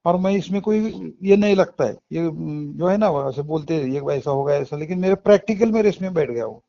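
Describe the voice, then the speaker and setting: High-voiced earnest man, dull lo-fi sound. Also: lively intonation, brisk, warm tone. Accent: Marathi-influenced Hindi. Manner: earnest, emotional storytelling with frequent restarts. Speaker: devotee sharing a testimony. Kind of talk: personal spiritual testimony. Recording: dull lo-fi recording.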